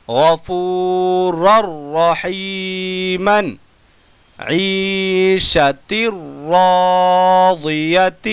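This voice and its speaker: A man teaching Quran recitation, spelling Arabic words letter by letter and drawing out each syllable, with quick asides in between and a Pakistani Urdu accent. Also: high-pitched, clear, resonant tone, no echo.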